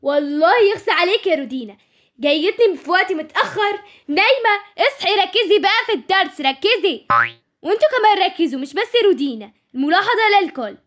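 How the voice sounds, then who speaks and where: A woman's voice: very high voice, expressive, fast. Woman doing a stern scolding schoolteacher. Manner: scolding, instructive.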